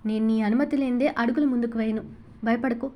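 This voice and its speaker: A woman's voice: fairly high pitch, steady tone, quick pace, dull audio, natural voice. A woman voicing a young man, an ardent and tender loving husband, in an audiobook novel reading, with a fond, coaxing manner.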